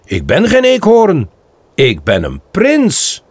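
A man's voice: medium pitch, big pitch swings, unhurried, a little mellow, dry recording. A man voicing a shy, eager young male fawn in a storybook reading, in an earnest, lightly raised childlike tone.

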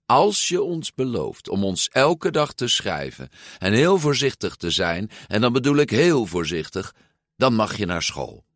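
A man's voice: on the low side, very animated, unhurried, dry recording, studio quality, pitched above the performer's own voice. Een man die een bezorgde, beschermende moeder voorleest in een verhalenboek. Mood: concerned. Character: caring mother, worried and protective.

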